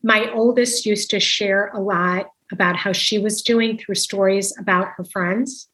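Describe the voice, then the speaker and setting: A woman's voice: mid-range voice, fairly even intonation, unhurried, pushed and bright, rough recording. A woman in her fifties giving parenting advice in a chatty way, acting out quoted exchanges. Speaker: parenting speaker. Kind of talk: casual talk, giving advice.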